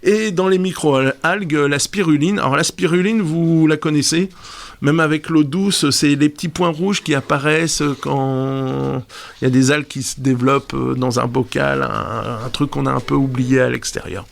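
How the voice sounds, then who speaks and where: Creaky-voiced man chatting on radio. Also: mid-range voice, fairly even intonation, moderate pace. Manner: hesitant, explanatory, many fillers. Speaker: radio segment presenter on marine plants. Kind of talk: casual radio chat.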